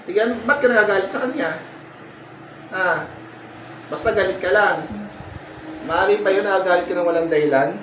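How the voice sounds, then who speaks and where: A high-voiced man acts as a folk healer, issuing repeated commands and pressing questions between murmured incantations. He sits at some distance from the mic, so his voice sounds roomy, with faint noise behind it. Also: normal speed, pauses often, fairly bright tone. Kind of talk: healing ritual with chanted prayers and questioning.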